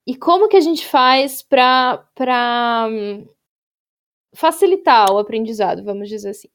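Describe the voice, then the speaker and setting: A woman hosting, asking questions in a slow, hesitant, casual way. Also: on the high side, animated, a bit bright. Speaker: host.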